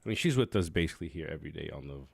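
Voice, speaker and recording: Male stream host, gravelly and low, dry close sound, chatty and loose. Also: lively intonation, very fast, a little mellow, no room sound. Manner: chatty, talks to himself while setting up. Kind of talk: casual livestream chat.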